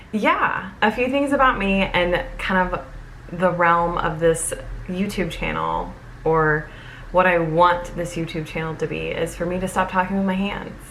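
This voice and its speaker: Young woman, low voice, rambly playful coffee chat from her bedroom, a little background hiss. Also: measured pace, fairly bright tone. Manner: playful, rambling and self-deprecating. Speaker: vlogger. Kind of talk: casual chatty coffee tutorial voiceover. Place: bedroom at a desk.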